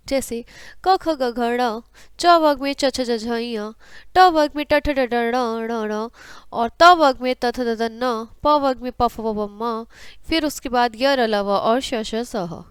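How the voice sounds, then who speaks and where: A young woman teaches a school grammar class, sounding out the letters one by one in steady drills. Her voice sits a little high. The sound is dry and close, with no room echo. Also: clean tone. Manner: addresses students as beta, recites letters in drills. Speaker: Hindi teacher.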